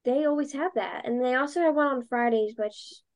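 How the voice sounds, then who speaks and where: Speaking at normal speed in a high voice, a young woman dances and podcasts for a living and is here as an interview guest. She's chatty, plays out earlier conversations, and says "like" a lot.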